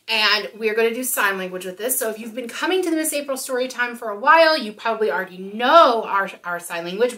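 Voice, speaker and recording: In a small indoor room, a woman in her thirties runs a children's storytime, chatting and reading a picture book aloud with lots of expression. Her voice is a little high, pushed and bright, and the mic is distant.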